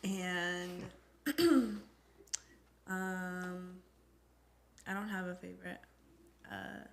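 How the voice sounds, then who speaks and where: A woman's voice: lowish voice, drawn-out words, slight background noise. A woman in her thirties, a podcast guest, chatting casually and easily amused. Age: 30s. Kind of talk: casual chat.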